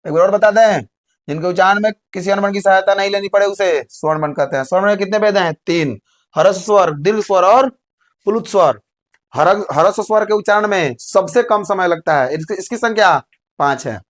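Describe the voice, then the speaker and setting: A man's voice: high voice, brisk. Man, school exam tutor, lighter voice, repeats each point. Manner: repeats points, checks with "samjhe?". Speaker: teacher. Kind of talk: board exam lesson.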